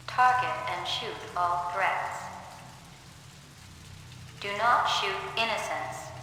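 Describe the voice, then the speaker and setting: Robotic range computer lady, slow and clipped, bright tone, big echoey hall. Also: medium pitch, slight background noise. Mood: commanding. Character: female shooting-range computer voice, flat and commanding. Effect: robotic voice from the game. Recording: echoey hall reverb in game audio.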